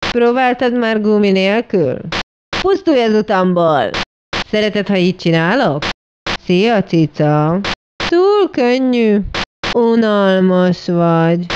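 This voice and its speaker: A woman's voice: medium pitch, sing-song, natural voice. A woman voicing a game character, calling team orders and mocking taunts in a fan-made game dub. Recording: dull lo-fi recording with noise.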